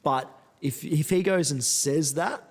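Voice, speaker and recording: A man's voice: fairly high pitch, measured pace. A man hosting a podcast in casual, slangy chat, swearing freely. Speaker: podcast host. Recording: echoey room with long reverb.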